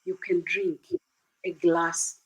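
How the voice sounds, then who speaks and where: A woman's voice: fairly low pitch, flat delivery, slow, poor audio. A middle-aged woman from Uganda, a guest in an interview, earnestly giving advice and acting out conversations with her children.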